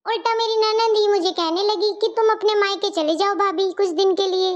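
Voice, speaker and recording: A woman's voice: very high voice, fairly even intonation, a little fast. A woman voicing a caring young married woman in a cartoon story, earnest and pleading. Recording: dull lo-fi audio.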